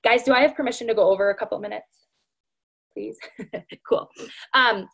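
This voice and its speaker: A woman with a fairly high voice talks to a group in a loose, chatty way. Her sentences are filled with "like" and "you know". She keeps turning to her listeners as "you guys" while she coaches them. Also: moderate pace, vocal fry, a bit bright, slightly rough. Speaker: speaker training a sales team. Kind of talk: casual motivational presentation.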